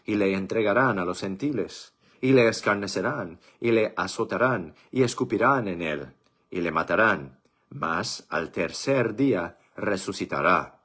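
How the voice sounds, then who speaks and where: A man voicing a calm male teacher who speaks in measured, solemn phrases. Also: fairly low pitch, slightly rough, full character voice.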